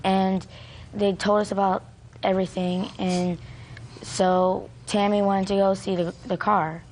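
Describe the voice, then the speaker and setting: Flat-toned young American woman giving testimony. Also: mid-range voice, a little slow, a little hiss or hum. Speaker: witness in a TV court case. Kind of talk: hesitant recounting of events.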